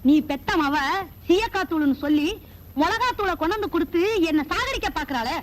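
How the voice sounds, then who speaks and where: An actress playing a shrill, quarrelsome older village woman who scolds and wails loudly, in a film. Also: expressive, a little fast. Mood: wailing in pain. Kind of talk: Tamil film acting.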